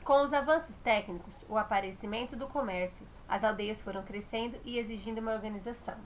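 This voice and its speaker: A Brazilian woman reading a history text aloud in an even way, with faint background noise. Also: on the high side, quick pace, rough recording. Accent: Brazilian Portuguese. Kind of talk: read-aloud narration.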